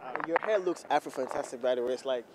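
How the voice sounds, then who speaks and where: A man's voice: medium pitch, quick pace, a crowd in the background, low-quality recording. A young man hosting casual street interviews outdoors on a campus with a handheld microphone. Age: young adult. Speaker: host interviewer. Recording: faint street and traffic noise.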